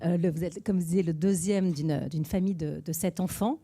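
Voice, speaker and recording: Woman, interviewer, mellow tone, lowish pitch, halting phrase-by-phrase questions. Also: steady tone. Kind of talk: prepared biographical questions, live interview.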